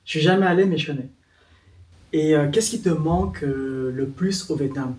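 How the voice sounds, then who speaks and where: A man hosts an interview, asking his guest questions in a friendly, halting way. His voice is somewhat high. The sound is roomy and echoey, and he is heard from a little way off the mic. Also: a little mellow, recorded from a distance. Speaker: interviewer, channel host. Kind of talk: casual interview.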